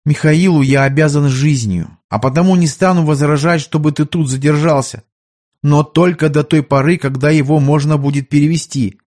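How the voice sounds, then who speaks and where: A man's voice: on the high side, normal speed, a little mellow, lightly acted. A man voicing a young, hot-tempered emperor who speaks in a brusque, commanding way, in an audiobook.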